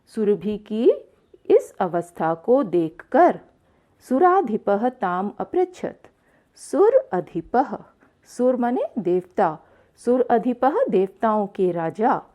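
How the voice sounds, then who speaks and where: Woman teacher going through a lesson slow and careful, voice bounces up and down a lot, kinda muffled recording. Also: mid-range voice. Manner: slow, deliberate, repeats each phrase. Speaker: Sanskrit teacher. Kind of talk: line-by-line textbook explanation.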